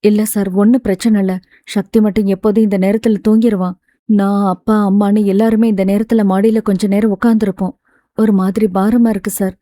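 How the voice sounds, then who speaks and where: A woman voicing a caring young woman who speaks softly and coaxingly, in a dry, close recording. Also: medium pitch, little pitch movement, fairly quick, dry recording, lightly acted. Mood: hesitant. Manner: soft, coaxing.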